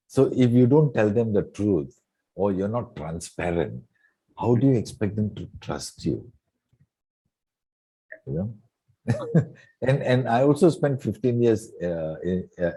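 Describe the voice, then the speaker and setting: A man in his sixties from Singapore, a retired coach reflecting in an interview with many soft fillers. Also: low-pitched, husky. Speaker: guest coach. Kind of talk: relaxed interview conversation.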